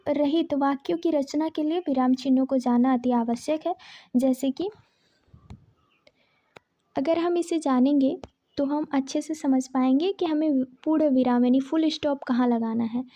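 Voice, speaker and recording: A woman with a high-pitched, mellow voice teaches an exam-prep grammar lesson. She reads out letters one at a time and stops to correct herself. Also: muffled recording. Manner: reads lists of letters item by item, self-correcting.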